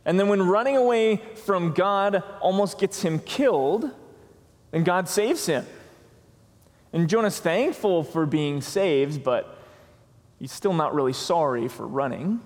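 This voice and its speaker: A man preaching a sermon as pastor, slow and deliberate, pausing for emphasis on key words. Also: sits high, animated. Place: church sanctuary. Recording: long reverb of a church hall.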